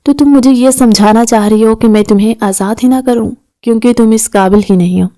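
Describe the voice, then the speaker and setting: A woman doing a gruff, short-tempered kidnapper. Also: fairly high pitch, steady tone, warm tone, dry recording, natural voice. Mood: irritated. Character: gruff irritable male kidnapper, grown man.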